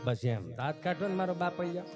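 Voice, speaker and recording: A male folk comedian with a strong Kathiawadi accent tells stories on stage in a fairly high voice. His delivery is folksy and teasing, and he keeps calling out to the crowd as bapu. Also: big pitch swings, fast talker, over music. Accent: Kathiawadi Gujarati. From Saurashtra, Gujarat.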